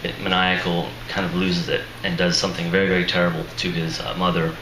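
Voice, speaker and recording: His voice sits low and his delivery is flat and fast as he introduces his book at a live reading before an audience. He jokes at his own expense with chuckling asides, sounding weary and strained, in an echoey room full of ambient noise.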